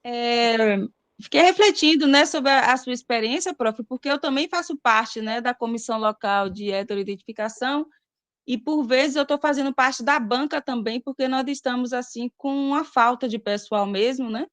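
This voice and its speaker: A Brazilian woman speaking in an online class discussion, her voice clearly high. The sound is dry and close over the video call, and she talks conversationally, often checking in with tag questions. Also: moderate pace, fairly bright tone, dry recording. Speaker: student.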